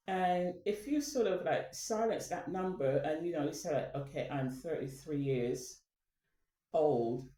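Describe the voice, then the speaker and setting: Speaking far from the microphone in a reverberant room, a female channel host talks informally to viewers. Her lowish, dark-toned voice wanders, full of filler words and false starts.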